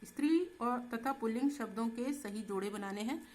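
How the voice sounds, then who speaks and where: A woman teacher going through textbook exercises with students in a slow, patient way, often checking in as she goes. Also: fairly high pitch, darkish tone. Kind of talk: Hindi textbook exercise lesson.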